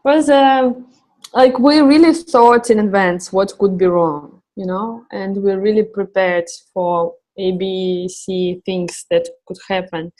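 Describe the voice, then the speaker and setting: A woman's voice: medium pitch, steady tone, takes it slowly, a little mellow, poor audio. A woman, founder of a travel project, answering interview questions while her voice is giving out; she searches for words, with frequent fillers and restarts. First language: Russian. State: losing her voice.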